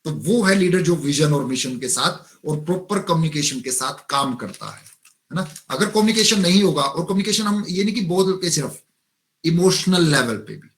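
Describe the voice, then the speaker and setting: A man's voice: a little high, expressive, moderate pace. A man with an Indian accent giving a motivational lecture in an online webinar, listing points and often checking in with listeners. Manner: lecturing, mixes English terms and lists, frequent "है ना?" tag. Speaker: webinar resource speaker. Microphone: video call.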